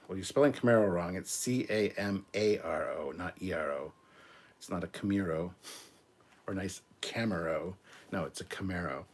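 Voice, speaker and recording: A man in his forties hosting a live stream, chatting casually and answering viewer comments in a rambling, relaxed way with many ums and restarts. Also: low voice, normal speed, husky. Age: 40s.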